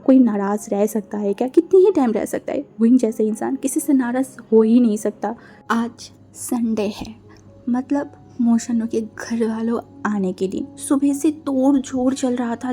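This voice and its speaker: A woman's voice: on the high side, warm tone. A young woman casually narrating a fan fiction story, lightly voicing the characters' lines as she goes.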